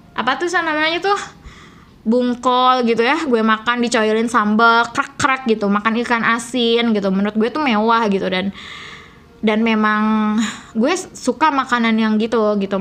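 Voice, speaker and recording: Chatty young woman, soft Sundanese accent. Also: a little high. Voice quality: soft, gentle way of speaking. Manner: chatty, rambling, many fillers. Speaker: vlogger. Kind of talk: casual storytelling to camera.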